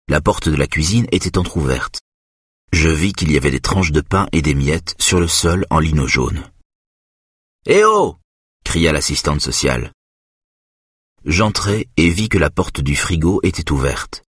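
A man narrating a tense first-person story in a measured way. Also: extremely low pitch, breathy edge, no echo, studio quality.

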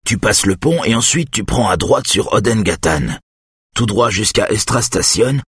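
A man's voice: on the low side, animated, normal speed, fairly bright tone, slightly rough, dry recording, studio quality, voice pushed up, full character voice. A man reading an audiobook, voicing a stubborn, injured father in his sixties who gives curt commands.

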